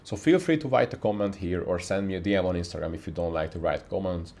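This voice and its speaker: Low-voiced and quick, with a darkish tone, this young man speaks English as a second language in an earnest, unscripted talking-head vlog, frequently restarting and phrasing things in a non-native way. As a YouTube creator, he films in a dark home studio lit by a softbox, picked up by a camera mic pointed at him.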